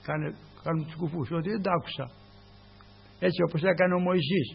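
Gravelly fervent man preaching, lo-fi hum. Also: on the high side. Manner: fervent, repetitive, addresses brothers. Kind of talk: informal sermon. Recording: dull lo-fi recording with hum.

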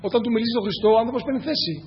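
A man preaching a sermon, speaking earnestly, often addressing his listeners as brothers and asking rhetorical questions. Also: very high voice. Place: church hall. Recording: echoey hall, dull lo-fi, faint hum.

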